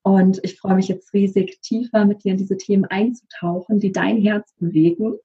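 A woman hosting an interview, introducing her guest warmly and effusively. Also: medium pitch, steady tone, moderate pace, breathy edge, lo-fi sound. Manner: warm, effusive, grateful. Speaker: interview host.

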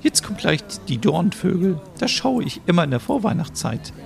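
A man playing a fussy old lady, high and quavering, lively rise and fall. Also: normal speed, gravelly, soft background music, heavily acted. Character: old-fashioned elderly woman, prim and fond of traditions. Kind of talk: voicing characters in a narrated story.

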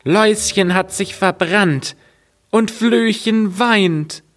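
A man voicing a small fretful talking door in a storybook reading, in a high strained plaintive voice. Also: slow, fairly bright tone, faint music behind.

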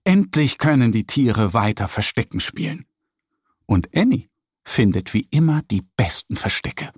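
A man narrating a children's story slowly and expressively. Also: medium pitch, slightly rough, no room sound, clean studio sound. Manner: slow, lively storytelling.

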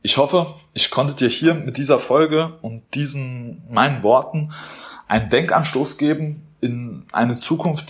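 A man hosting a motivational podcast, speaking earnestly and coaching the listener directly. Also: mid-range voice. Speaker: podcast host.

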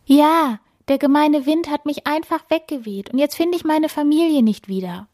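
A woman's voice: sits high, moderate pace, a little mellow, no room sound, clean studio sound, voice pushed up, lightly acted. A woman voicing a small, sad female snowflake in a children's bedtime story, whiny and pleading. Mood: wailing.

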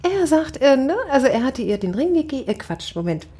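A middle-aged woman chatting about speaking and weddings in a very husky, mellow voice. She tells her stories animatedly, her pitch leaping up and down. The talk is relaxed and conversational. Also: a little fast. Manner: lively, animated storytelling with big pitch swings. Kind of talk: casual conversation.

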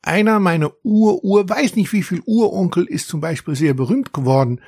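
A man's voice: sits high, moderate pace, slightly rough, no echo, clean studio sound, pitched above the performer's own voice, heavily acted. A man doing a proud, grumbling young dragon. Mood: indignant boasting. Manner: indignant, lively storytelling.

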